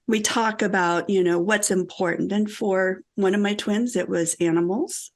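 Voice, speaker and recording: A middle-aged woman from the American Midwest, a guest author telling stories in a casual podcast conversation, animated and quick to laugh. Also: mid-range voice. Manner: animated storytelling, laughs often.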